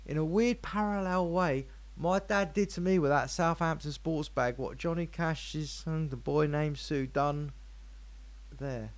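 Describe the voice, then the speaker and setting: An English radio co-host tells rambling, playful stories during casual chat, sounding animated. His voice is a little high and unhurried, and there's no echo.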